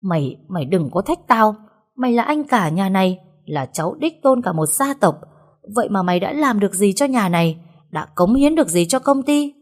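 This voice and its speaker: A woman voicing a wealthy, furious older father in a storybook reading, scolding loudly. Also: on the low side, animated, fast talker. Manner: loud scolding.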